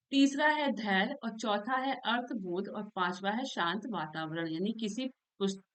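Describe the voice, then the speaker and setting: A woman teaches an exam-prep lesson. She explains each answer patiently and keeps checking that her listeners follow. Her voice sits at an ordinary middle pitch. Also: rough recording. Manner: explains patiently, often checks in with "thik" and "hai na".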